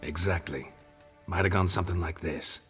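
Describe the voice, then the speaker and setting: An actor voicing Geralt, a gruff middle-aged male monster hunter in a video game, speaking in terse, dry, clipped lines over game music. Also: low voice, fairly even intonation, moderate pace, fairly bright tone.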